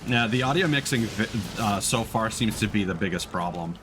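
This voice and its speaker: A man streaming a video game muses aloud while he plays, thinking through things hesitantly in casual live commentary. His voice is on the low side and expressive, at a moderate pace, with battle sounds from the game heard behind him.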